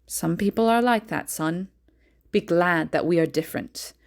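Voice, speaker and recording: A poor widowed mother speaks in a low, quiet, tired voice, tender toward her sons and resigned to hardship, as a woman puts her on. Her tone sits below the narrator's usual pitch and often fades softer at the ends of her lines. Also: moderate pace, lightly acted.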